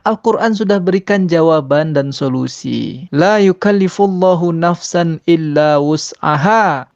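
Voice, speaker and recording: A man delivers religious commentary in a preachy tone, often turning to his listeners and chanting verses slowly. His delivery breaks into mocking laughter now and then. The recording is dry and a little dull. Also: on the high side, a little mellow, dry recording.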